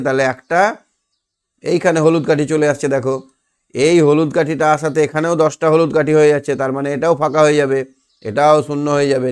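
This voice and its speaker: A man's voice: a little high, a little mellow, smooth. A man teaching an online math lesson, patiently asking questions and answering them himself. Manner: patient, asks and answers his own questions. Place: online class on a video call.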